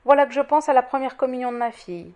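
A woman's voice: high-pitched, lively intonation, quick pace, mellow. A woman voicing a feverish young mother who pleads impetuously for her child. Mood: dreamy.

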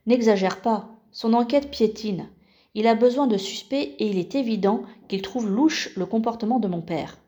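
A woman's voice: fairly high pitch, normal speed, mellow, lightly acted. A woman reading as a blunt, determined schoolgirl. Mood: firm. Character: teenage girl, determined and blunt.

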